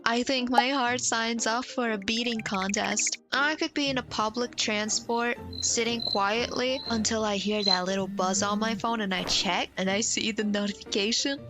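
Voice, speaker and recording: A woman chatting in an unscripted vlog, excitable and rambling and quick to laugh, recorded on an older microphone. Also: a little high. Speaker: VTuber content creator. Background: background music.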